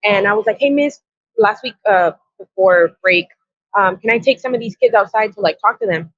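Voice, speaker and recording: A woman's voice: medium pitch, brisk, a bit bright, no room sound. A woman guest on a podcast telling a personal story with blunt, earnest, profane reported dialogue. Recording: dull, dry lo-fi sound.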